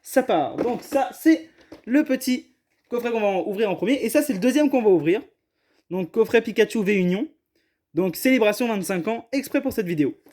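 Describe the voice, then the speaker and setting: Opening trading card boxes for the camera, this man talks at a moderate pace in a high, darkish voice with lively intonation. It's a casual unboxing chat, full of hesitation, repeated apologies and self-deprecation.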